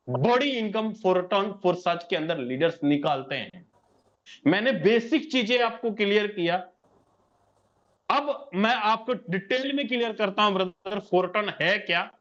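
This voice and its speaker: A man with a notably high voice delivers an online sales pitch, pushing hard and hammering the same points again and again. He keeps addressing the listener as sir and brother. The recording sounds dull and lo-fi. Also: a bit bright. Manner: emphatic, repeats key points. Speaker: business plan presenter.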